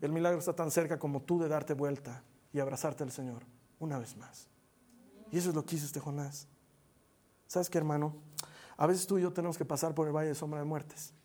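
A man preaching a sermon as pastor, earnest, rising to loud urging and dropping to near whispers. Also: a little high, fairly even intonation, brisk. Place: church meeting hall, also streamed online.

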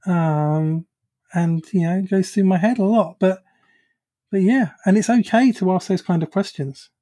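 A podcast host speaks in a mellow, darker tone at a middling pitch. The talk is reflective and halting, full of restarts, in a relaxed interview.

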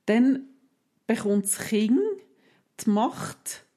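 A woman who calmly explains parenting advice, step by step, in a casual podcast chat. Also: a little high, drawn-out words.

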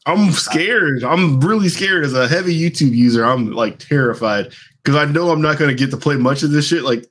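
A man co-hosting a casual chat, animated and joking, swearing freely. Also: mid-range voice, fairly quick.

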